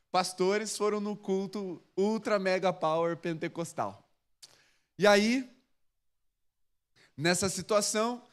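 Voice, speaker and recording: A man's voice: sits high, clean tone. A man in his thirties with a Brazilian Portuguese accent, preaching a sermon in a church, telling anecdotes and acting out the voices of the people in them. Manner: animated storyteller, acts out quoted voices. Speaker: pastor. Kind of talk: sermon with storytelling. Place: church sanctuary.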